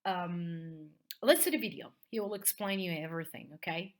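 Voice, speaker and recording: Delivered at normal speed in a lowish voice, this Italian-accented woman from Italy walks through an explanatory video lesson, frequently ending phrases with brief check-in tags.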